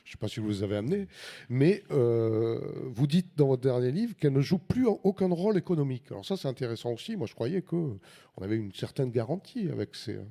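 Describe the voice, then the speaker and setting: A man hosting a live public interview in an informal, halting way, often repeating his words. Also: medium pitch, expressive, creaky, dark tone.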